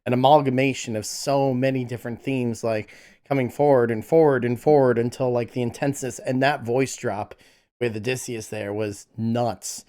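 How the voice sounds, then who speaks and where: A man with a medium-pitched, dark voice reacts to music on a casual stream, speaking at a moderate pace in a steady tone. His chat is excited and full of exclamations, and he often stammers and repeats himself.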